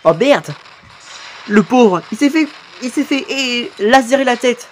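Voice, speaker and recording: A man commenting live on videos his subscribers made, excitable and quick to exclaim and swear. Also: very high-pitched, a little hiss or hum. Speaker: YouTuber reacting to fan animations.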